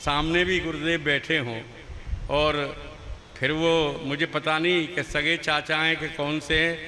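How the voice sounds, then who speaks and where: A man's voice: medium pitch, pushed and bright, a little hiss or hum. An older man performing as a poet at a live poetry gathering, chatting with the crowd through rhetorical questions and chanting verses into a stage microphone. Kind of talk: humorous stage poetry recital.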